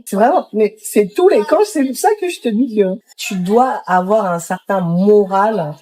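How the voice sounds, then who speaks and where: A woman's voice: mid-range voice, animated, unhurried, warm tone. A young woman who owns a restaurant, talking in a casual interview and telling her story with lots of fillers. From Congo. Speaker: restaurant owner.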